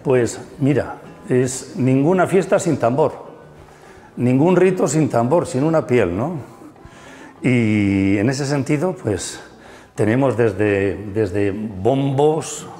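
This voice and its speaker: A middle-aged musician working as a museum guide leads an interview through a museum room, explaining things enthusiastically with plenty of fillers and tag questions. His voice is medium in pitch with a dark tone, and the recording has a big-room sound.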